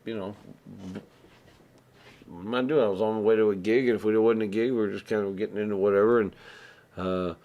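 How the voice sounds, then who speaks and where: A man's voice: fairly low pitch, steady tone, fairly quick, long pauses, phone-quality sound. A man hosting a live stream, telling a long story in a loose, rambling way, with restarts and acted-out bits of dialogue. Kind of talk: casual storytelling.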